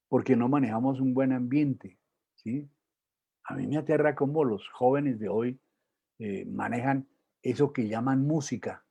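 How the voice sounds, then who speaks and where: A man's voice: mid-range voice, warm tone, breathy edge. A middle-aged man giving a public talk on emotions and spirituality, conversational, with many tag questions and fillers. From Colombia. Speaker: lecturer.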